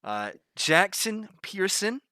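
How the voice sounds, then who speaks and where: A man's voice: sits high, sing-song, takes it slowly, pushed and bright, no room sound, studio quality. A man with a Southern US accent hosting a casual panel talk, rambling with lots of fillers. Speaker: podcast host.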